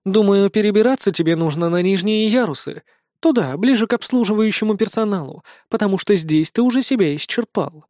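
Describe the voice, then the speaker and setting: A man's voice: high-pitched, lively intonation, brisk, a little mellow, no room sound, clean studio sound, voice pushed up. A man doing an icy, mocking young woman. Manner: cold, cutting, taunting.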